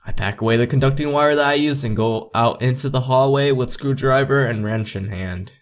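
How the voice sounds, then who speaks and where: Reading visual novel text aloud for a let's play, this man stumbles over lines, repeats words, and cracks jokes on the side. He speaks fairly quickly at a medium pitch, and game music runs behind his voice.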